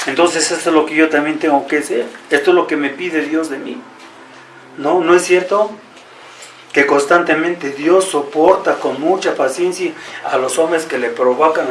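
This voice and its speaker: A Mexican preacher delivers an earnest sermon, repeating his points and calling on his listeners again and again. His voice sits a little high. It comes from far off in an echoey hall with faint ambience behind it. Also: a bit bright, slight background noise. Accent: Mexican Spanish. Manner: earnest, repetitive, often addresses the congregation directly. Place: church hall.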